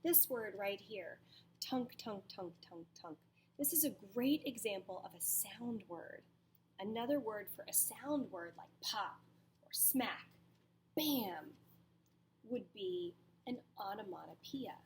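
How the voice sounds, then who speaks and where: With a medium-pitched, expressive voice over slight background noise, a woman teacher reads a storybook aloud to children. She uses dramatic pauses and strong emphasis, and she breaks off to ask her young listeners questions.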